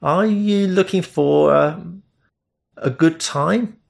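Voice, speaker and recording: A man voicing a guarded, unsure young boatman who talks in halting phrases, reading from a romance audiobook. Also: high voice, gravelly, pitched above the performer's own voice.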